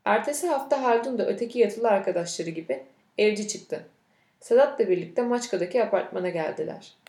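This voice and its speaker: A woman reading a novel aloud in a steady, measured storytelling voice. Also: medium pitch, roomy sound. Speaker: narrator. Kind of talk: scripted audiobook narration.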